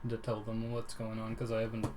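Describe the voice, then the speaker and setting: Guy at a game table, kinda monotone and hesitant, noisy audio. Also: fairly low pitch, a little fast. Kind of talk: casual chat. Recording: clearly noisy room recording.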